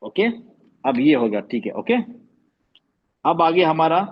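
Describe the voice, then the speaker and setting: A man with a slightly high voice speaks a little slowly as he patiently teaches Quran recitation during an online class on a video call. He repeats terms and demonstrates the sounds himself. The audio has its highs cut off.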